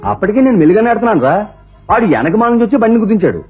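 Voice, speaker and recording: A rapid-fire angry customer. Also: male voice, high voice, sing-song, husky, full character voice. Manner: rapid, complaining. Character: angry customer complaining at a petrol pump. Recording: tinny old film soundtrack with loud music.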